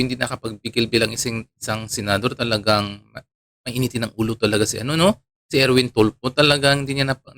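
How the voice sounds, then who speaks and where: This Palawan-born online commentator from the Philippines has a medium-pitched, fairly bright voice. Speaking casually to his viewers, he stays chatty, chuckles frequently, and leans on lots of fillers.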